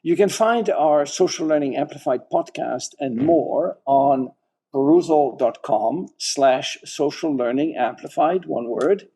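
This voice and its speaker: A man's voice: fairly high pitch, a little slow, mellow, a little hiss or hum. A man hosting a podcast interview, posing questions with some hesitant restarts, then reading a closing. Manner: hesitant, restarts mid-sentence. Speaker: podcast host.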